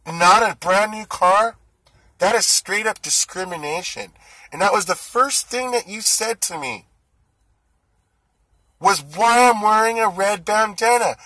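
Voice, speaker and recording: A man's voice: high-pitched, pushed and bright, no echo, low-quality recording. Indignant man in his forties, tense voice. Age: 40s. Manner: indignant, ranting, rising heat. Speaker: food delivery driver. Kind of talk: angry monologue to camera.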